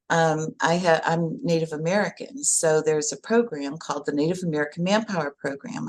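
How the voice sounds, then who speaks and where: A woman's voice: low-pitched, gravelly. An older woman from upstate New York, a podcast guest telling her career story in a chatty way, with frequent restarts. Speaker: guest, workforce association director. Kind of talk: interview answer, storytelling.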